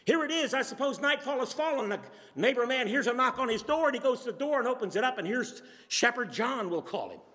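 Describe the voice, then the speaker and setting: Animated sermon storyteller, man, bright and expressive, in a reverberant church hall. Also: quick pace, few pauses. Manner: storytelling, dramatic shifts in pitch and pace. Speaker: preacher.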